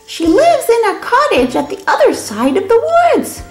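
A cheerful little girl from a children's storybook, high-pitched and bouncing all over her range, voiced by a woman. She speaks bright and sing-song. Roomy echo and soft music surround the reading. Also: wildly swooping pitch, normal speed, exaggerated voice. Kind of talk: storybook narration.

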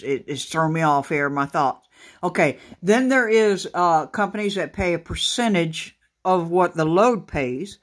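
A man, a truck driver, talking casually and haltingly to his viewers, with many fillers and restarts. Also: sits high, a bit bright. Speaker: trucker vlogger. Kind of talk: casual talk to camera. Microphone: phone camera pointed at a laptop screen.

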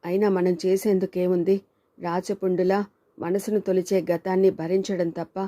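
A woman's voice: on the low side, level tone, moderate pace, dark tone, natural voice. A woman voicing a heartbroken, resigned woman novelist in a storybook reading, speaking with bitterness. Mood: bitter.

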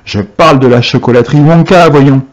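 A man reading aloud and voicing an old grandfather who speaks in a low, confiding voice. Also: brisk, muffled recording, natural voice. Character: old grandfather, secretive storyteller.

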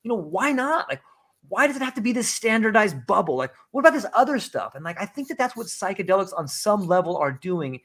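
An older man, talking in a loose, animated way full of fillers, on a video call from home. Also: high voice. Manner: animated, rambling, many fillers. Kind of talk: casual conversation.

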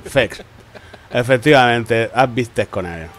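A gaming streamer with a Spain Spanish accent teases his teammates in casual, slangy commentary. His medium-pitched, slightly bright voice takes things slowly, over slight background noise.

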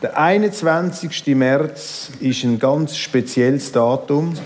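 A man in his fifties with a Swiss German accent, moderating a talk on stage in a large hall with a chatty, lively manner. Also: a little high, slow pace. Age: 50s. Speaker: host. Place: large hall with live audience.

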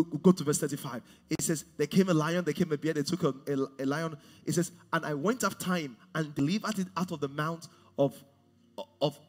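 Animated male pastor preaching in a hall. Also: a little high. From Nigeria. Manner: animated preaching, swings from hushed to loud. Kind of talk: sermon. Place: large church stage.

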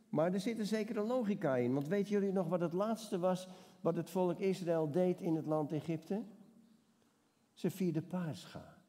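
Male preacher, sermon style, mellow tone, long reverb of a church hall. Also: a little high. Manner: conversational, asks the congregation questions. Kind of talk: sermon with Bible reading.

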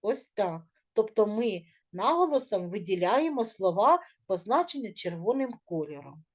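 A woman's voice: medium pitch, big pitch swings, normal speed. A middle-aged woman teaching a video lesson to young children, encouraging them and drilling syllables in a sing-song way. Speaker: primary school teacher.

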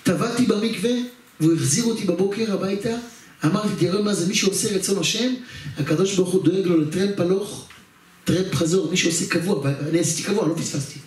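A man, a rabbi, telling a personal story during a religious talk, addressing the audience directly and acting out the scenes. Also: high-pitched. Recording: very echoey hall, far from the mic.

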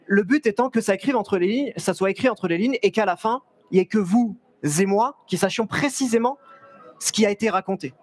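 A man's voice: sits high, brisk. Chatty young man on a fair stage. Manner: lively, chatty, many restarts and fillers, joking with the audience. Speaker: photographer giving a talk. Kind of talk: live stage presentation. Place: stage at a trade fair, large indoor hall. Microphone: headset mic.

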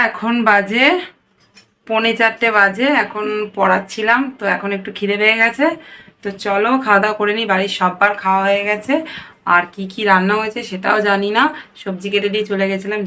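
A woman's voice: medium pitch, steady tone, a little fast, bright, forceful tone. A woman vlogging her daily routine as a home tutor, chatting casually and directly with her viewers.

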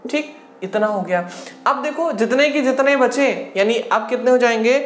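A woman's voice: fairly high pitch, moderate pace, a little hiss or hum. A woman teaching an exam-prep language lesson, drilling the class with questions she answers herself. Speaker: Hindi teacher. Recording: echoey room.

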